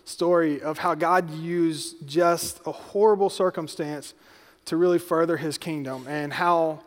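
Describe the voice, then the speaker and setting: A man's voice: a little high, fairly even intonation, measured pace. Upbeat man hosting in echoey hall. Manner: upbeat, conversational. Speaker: pastor hosting the service. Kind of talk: casual sermon introduction. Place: church hall. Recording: reverberant hall.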